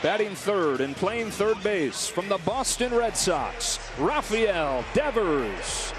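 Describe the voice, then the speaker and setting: A man working as a stadium announcer, calling out lineups in a dramatic arena style with drawn-out names over the PA. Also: high voice, very animated. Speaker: stadium public address announcer. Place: large open-air stadium, over the PA. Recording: stadium PA under loud music.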